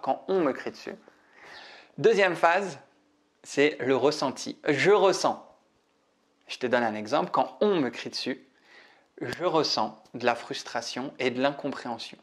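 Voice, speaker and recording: Chatty man coaching to camera. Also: a little high. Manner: chatty, animated, addresses listener directly with many fillers and restarts. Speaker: public speaking coach. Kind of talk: casual teaching monologue to camera.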